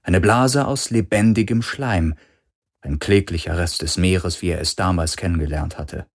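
A man reading an audiobook as narrator in a slow, deliberate way. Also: low-pitched. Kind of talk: scripted narration.

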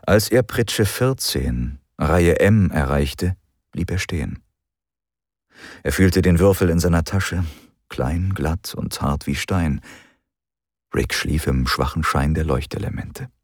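A man reading an audiobook as narrator, in calm, measured storytelling. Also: very deep voice, dry recording, clean studio sound. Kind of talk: scripted narration.

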